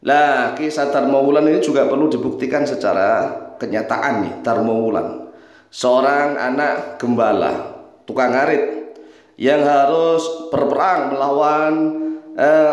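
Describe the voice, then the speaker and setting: A man delivers a preacher's lecture in a teaching tone, tossing in rhetorical asides and swinging his pitch and pace. His voice sits at a middle pitch for a man. The room around him echoes noticeably. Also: darkish tone. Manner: didactic, rhetorical asides and fillers like "nah" and "ya kan"; pitch and pace jump widely between lines. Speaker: Islamic preacher. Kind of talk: religious talk to camera.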